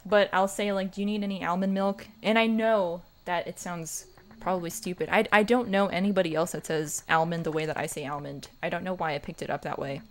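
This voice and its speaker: A woman's voice: on the low side, steady tone, fairly quick. A woman streaming a game and chatting with viewers in a rambling, self-deprecating way. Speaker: streamer and speedrunner. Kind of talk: casual livestream chat while gaming.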